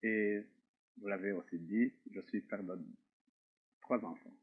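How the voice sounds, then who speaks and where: A middle-aged man from Rwanda, an interview guest giving a measured, grave personal testimony with frequent pauses. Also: fairly low pitch, steady tone, breathy edge. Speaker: interview guest, author and survivor. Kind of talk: slow, reflective personal testimony. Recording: tinny phone-like sound.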